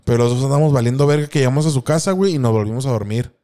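A man's voice: medium pitch, very fast, warm tone. A young man with a Mexican accent telling a story in casual, slangy podcast chat, laughing and acting out what people said. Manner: slangy, laughing, acts out quotes. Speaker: podcast co-host.

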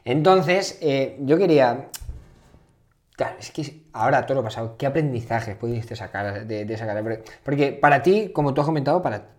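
A man's voice: medium pitch, animated, fairly quick. A man hosting a casual interview, recalling shared moments and asking reflective questions in a chatty way. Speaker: interviewer and host.

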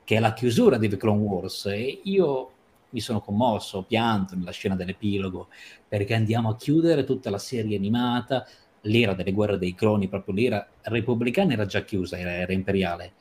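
Emphatic low-voiced man reviewing a series. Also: fairly quick, a little mellow, slight background noise. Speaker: series commentator. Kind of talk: livestream episode discussion.

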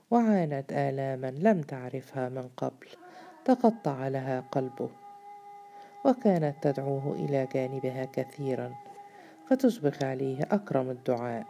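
A woman narrating a novel in a measured, literary reading. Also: very deep voice, dark tone, slight background noise.

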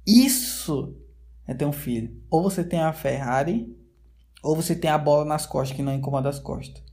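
A man's voice: fairly high pitch, moderate pace, a little mellow. A man talking straight to his viewers in a casual, rambling monologue, full of slang fillers and loose tangents, recorded indoors at home. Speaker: vlogger.

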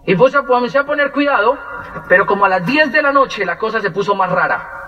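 A man with a Colombian accent giving an animated, humorous testimony to an audience, acting out the crowd's chants. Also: high-pitched, a little fast. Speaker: business testimonial speaker. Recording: distant, dull lo-fi sound.

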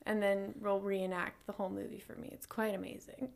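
Gravelly-voiced woman chatting casually. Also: mid-range voice, flat delivery, fairly quick, a little mellow. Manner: chatty storytelling with frequent laughs. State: pregnant. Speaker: podcast co-host. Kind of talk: casual chat.

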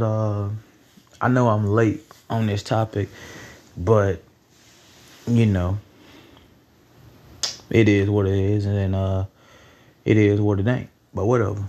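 A nineteen-year-old man with a fairly low, slightly mellow voice hosts a solo podcast. He rambles in a loose, profane, conversational way.

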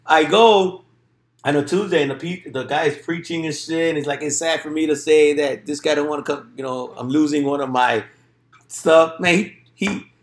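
A man's voice: a little high, moderate pace. A man telling stories casually in streetwise, profanity-laden slang, peppering his speech with bro and dude. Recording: roomy, echoing room sound.

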